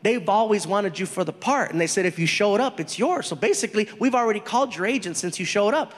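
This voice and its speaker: A man acting out a female casting agent, speaking slowly and matter-of-factly. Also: sits high, expressive. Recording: long reverb of a big hall.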